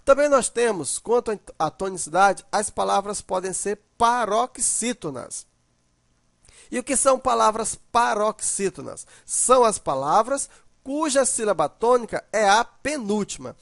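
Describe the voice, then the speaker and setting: A man's voice: high-pitched, expressive, a little slow, creaky, a bit bright, dry recording, studio quality. Methodical man teaching grammar. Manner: methodical, repeats examples and checks with "né?". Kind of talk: grammar lesson.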